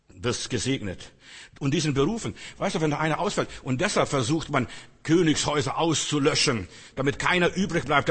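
Man preaching, kinda husky, pushes every point hard, big echoey hall. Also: fairly high pitch, fairly bright tone. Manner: emphatic, addresses listeners directly with repeated rhetorical questions. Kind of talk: sermon.

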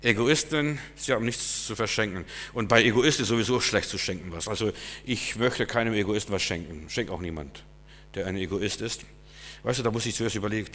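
A male preacher giving a sermon, emphatic and swinging between loud stresses and quiet asides. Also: lowish voice, in a large hall.

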